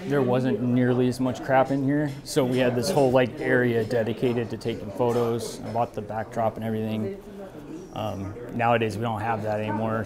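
A man in his thirties, a barber and shop owner, talking casually while he works, relaxed and rambling with many fillers, moving around the room away from the camera mic. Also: medium pitch. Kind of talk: casual talk while working. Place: barbershop with brick walls, indoors.

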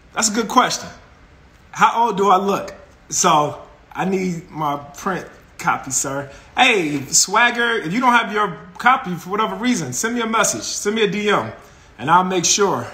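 In a small room with colored lights, a man in his 40s runs a casual phone live stream, welcoming viewers in an upbeat, laughing way. His voice sits high and is bright and forceful, and the room sounds echoey though the phone camera is close up.

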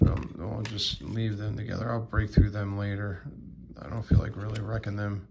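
A man casually sorting through sports cards on video, slowly reading out player names with many fillers. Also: fairly low pitch, little pitch movement, gravelly, heavy background noise. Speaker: sports card vlogger. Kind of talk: casual card sorting commentary.

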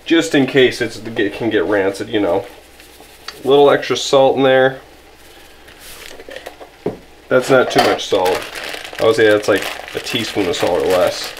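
An easygoing young man and outdoor vlogger cooks camp meals in his home kitchen, giving casual how-to narration in a lowish voice at a measured pace with frequent pauses. He's apologetic and rambles with restarts, filmed by a camera above the stove against a noisy background.

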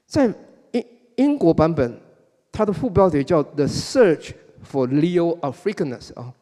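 An older man with a Taiwanese Mandarin accent speaks in a dark, mellow voice that rises and falls in lively swings. He talks in a chatty, wry way, drawing out the particles at the ends of his phrases. His voice rings with the long reverb of a performance hall. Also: fairly high pitch, measured pace. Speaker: speaker at a book club event. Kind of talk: relaxed public talk. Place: performance hall before an audience.

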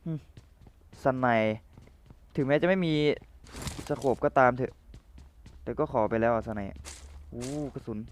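A young man casually commentating his own game match, playful and chatty with viewers and teammates, his voice a little rough from the cold. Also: mid-range voice, unhurried, long pauses, slight background noise.

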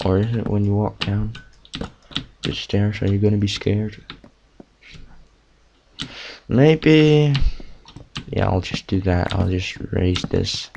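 Slow-talking young man narrating gameplay. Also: fairly low pitch, gravelly, darkish tone, slight background noise. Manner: chatty, rambling, swears now and then. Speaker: gamer. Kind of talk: casual let's-play commentary.

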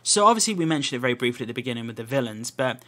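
A man's voice: medium pitch, expressive, very fast, bright, forceful tone. A man hosting a podcast, giving a solo film review in loose, rambling talk that often restarts its sentences. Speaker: podcast host.

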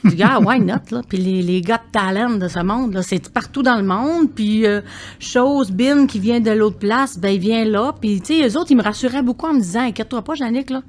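A woman in her sixties with a Québécois French accent, a singer telling stories as a podcast guest, animated and quick to laugh. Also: on the high side. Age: 60s. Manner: animated storyteller, laughs often, tags phrases with "là". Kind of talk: casual conversation.

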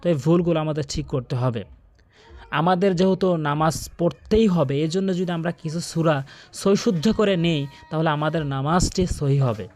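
A man's voice: fairly high pitch, moderate pace, a little mellow. A man teaching Quran pronunciation in a video lesson, earnestly repeating corrections and stretching out practice words.

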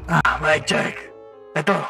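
A man streaming a game and chatting playfully through a voice changer that pulls his pitch down. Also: fairly even intonation, slow, vocal fry, pushed and bright, soft background music. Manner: playful, joking, cursing banter. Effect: voice changer lowering his pitch. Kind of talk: casual game-stream chat.

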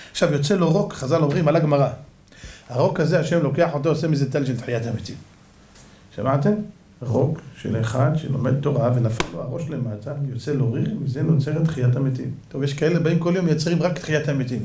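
Animated, high-voiced rabbi storyteller. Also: male voice. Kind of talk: lively religious lecture to an audience. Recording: echoey room.

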